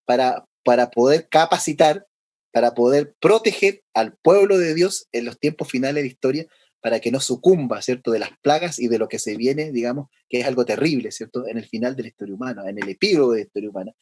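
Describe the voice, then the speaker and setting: A male pastor giving a conversational Bible lesson, often pausing for tag questions and restarting his sentences. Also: mid-range voice, a little mellow, dry recording. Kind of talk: sermon.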